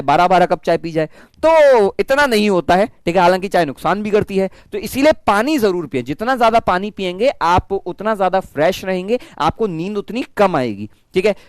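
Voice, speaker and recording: High-voiced man teaching online. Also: clean tone, no echo. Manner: chatty, mimics students in quick asides. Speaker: physics teacher. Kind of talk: online class pep talk.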